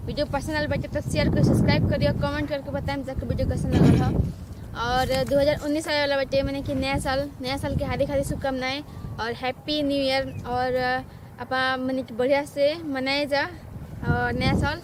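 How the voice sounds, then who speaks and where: A woman's voice: sits high, little pitch movement, a little fast. A woman with a Bhojpuri accent, a video performer, addressing her viewers with greetings. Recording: very noisy outdoor recording.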